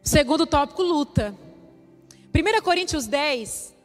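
Her voice is high-pitched and expressive, and she speaks a little slowly. In a reverberant church hall with soft music behind her, she preaches and tells a personal testimony, repeating key points with emotional emphasis.

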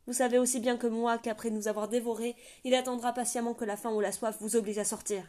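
A woman's voice: on the high side, flat delivery, fast, mellow, natural voice. A woman voicing a proud, desperate young man who pleads urgently for shelter, in a storybook reading. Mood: pleading.

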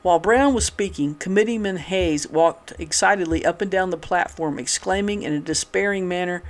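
A man reading an old newspaper article aloud in a steady, measured way, with occasional restarts. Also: high voice. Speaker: reader of a historical newspaper.

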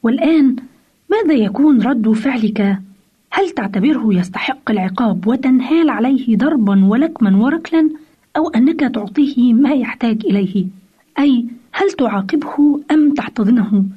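A woman's voice: fairly high pitch, lively intonation, moderate pace, husky. A woman giving parenting advice in a scripted radio talk, speaking directly to the listener and asking rhetorical questions, on a dull lo-fi radio recording.

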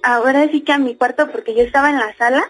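A woman's voice: sits high, fairly even intonation, quick pace, fairly bright tone, faint music behind. A woman caller with a Mexican Spanish accent telling a personal story in a chatty way, full of fillers. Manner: chatty, many fillers like "este" and "¿no?".

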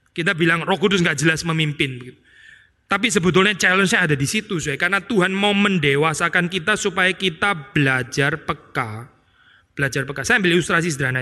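Bright-voiced male preacher in a reverberant hall. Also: fairly high pitch. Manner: conversational preaching with frequent "ya" and "saudara" tags. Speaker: pastor. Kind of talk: expository sermon.

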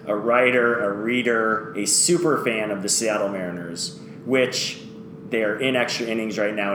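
A man hosting a casual sports podcast in a playful, upbeat way, recorded in an office boardroom. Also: fairly low pitch. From United States. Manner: upbeat, playful, self-deprecating intros. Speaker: podcast host. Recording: echoey room with background noise.

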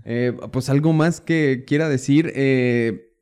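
A man's voice: medium pitch, slow pace, darkish tone, clear, resonant tone. A man hosting a podcast interview, speaking in a casual, hesitant way with many fillers. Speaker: podcast host.

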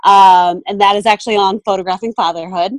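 A woman in her thirties talking through her work in a relaxed interview, pausing often with ums and starting sentences over. Her voice sits in an ordinary middle range. The recording is close and dry, with little room sound. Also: medium pitch, no echo. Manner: thoughtful, many fillers and restarts. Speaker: photographer and mentor, podcast guest. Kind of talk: casual interview chat.

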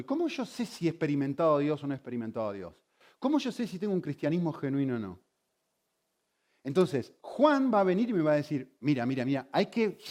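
Man, pastor, sermon, fairly high voice, very lively intonation, rhetorical questions. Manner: animated preaching, many rhetorical questions to the congregation.

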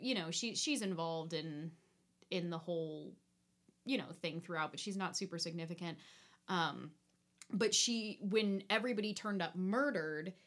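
A woman's voice: on the low side, fairly bright tone. A woman co-hosting a podcast, chatting casually about a movie with lots of "like" fillers. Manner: chatty, many "like" fillers, acts out characters' lines. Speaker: podcast co-host. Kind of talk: casual chat reviewing a movie.

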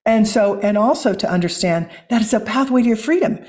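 A woman's voice: mid-range voice, fairly quick, a little mellow. A woman from Missouri with a Midwestern American accent, a guest and author speaking earnestly and reflectively in a conversational interview. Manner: earnest, flowing, spiritual.

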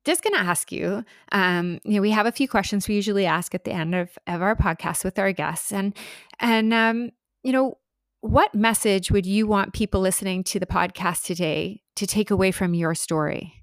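A woman's voice: medium pitch, normal speed, dry recording, clean studio sound. A middle-aged woman with a Canadian accent, chatting casually as a podcast co-host. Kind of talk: casual conversation.

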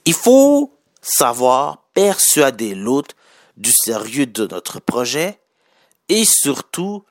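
A man with a Québécois accent talks viewers through business advice in a chatty, self-correcting way. His voice sits a little high and swings widely in pitch. The sound is dry and close, with no room echo. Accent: Québécois French. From Quebec. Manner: chatty, corrects his own wording, laughs lightly. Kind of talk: casual spoken advice to viewers.

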